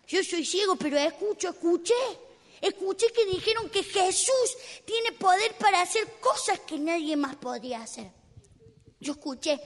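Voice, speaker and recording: Woman doing a blind beggar guy, high and pleading, big echoey hall. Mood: wondering. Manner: muttering, then pleading cries. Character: blind male beggar, hopeful and desperate. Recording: long hall reverb.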